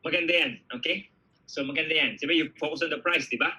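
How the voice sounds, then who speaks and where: A Filipino man speaks with real force and brightness as he works through a motivational Q&A answer. His tone has a slightly husky edge, and he keeps breaking his story up with quick check-ins to the audience. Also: a little high, low-quality recording. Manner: energetic, animated storytelling, frequent "okay?" check-ins. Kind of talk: motivational Q&A talk.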